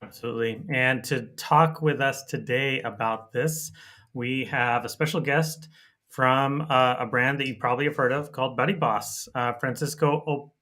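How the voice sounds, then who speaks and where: A man's voice: medium pitch, steady tone, moderate pace, sharp tone. A man co-hosting a podcast interview, upbeat and affirming, laughing along with guests. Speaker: co-host.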